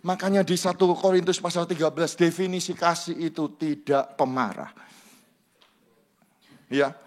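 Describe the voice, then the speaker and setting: High-voiced pastor preaching big swings. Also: male voice, fairly even intonation, normal speed. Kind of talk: sermon. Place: church sanctuary.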